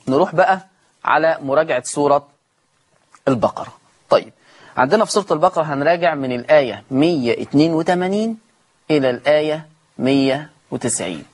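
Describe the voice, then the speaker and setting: A man with an Egyptian accent teaching Quran recitation on a call-in show, patiently explaining each step and repeating example words slowly and drawn out. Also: a little high, slightly rough. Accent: Egyptian Arabic.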